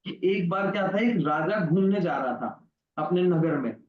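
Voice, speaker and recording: High-voiced man teaching a class. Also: normal speed, roomy sound, dull audio. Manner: asks the class questions and answers them himself. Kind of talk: religious lesson for children with a story. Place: online class recording.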